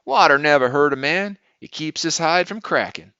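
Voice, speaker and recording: A proud young canal boy, put on by a man reading a story, speaks in a high voice, full of self-importance. The voice still has the reader's smooth, clear tone. The recording is dull, dry and lo-fi. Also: measured pace, fairly bright tone, dry recording.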